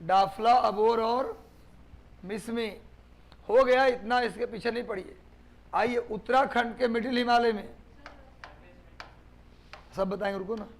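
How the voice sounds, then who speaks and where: A man's voice: extremely high pitch, fairly even intonation, moderate pace, gravelly, long pauses. A man from Bihar, teaching a live online class, repeating points for dictation and quizzing students. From Bihar, India. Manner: repetitive dictation, drilling students with questions.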